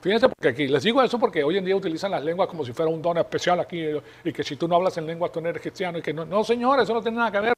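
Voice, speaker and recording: Male preacher, fairly high voice, patient explanatory sermon delivery. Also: lively intonation, very fast, few pauses. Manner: explanatory, rhetorical questions to congregation. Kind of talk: Bible teaching sermon.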